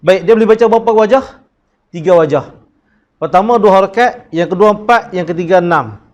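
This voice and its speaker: A man with a Malaysian Malay accent teaching Quran recitation in a class, drilling syllables and chanting verses slowly. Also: sits high, darkish tone, dull audio. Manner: drills sounds by repeating syllables, asks the class questions.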